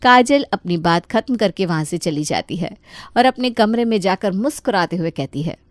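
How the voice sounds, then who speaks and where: A woman narrating a cartoon moral story in a steady, plain manner. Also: mid-range voice, normal speed, dry recording.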